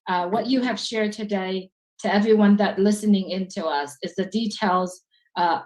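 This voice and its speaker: A businesswoman co-hosting a webinar over a video call, speaking as a with an emphatic sales pitch. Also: a little mellow, rough recording. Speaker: webinar co-host.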